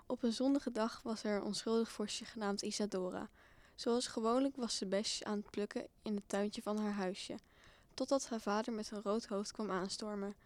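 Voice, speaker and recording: A young woman reads a homemade children's story aloud in a voice of middling pitch. She reads with lively expression and raises her voice in the quoted lines. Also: dry recording.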